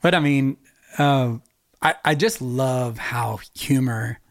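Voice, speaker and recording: A man's voice: mid-range voice, slow, vocal fry, no echo, clean studio sound. A man co-hosting a podcast in casual chat, rambling and laughing often. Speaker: podcast co-host.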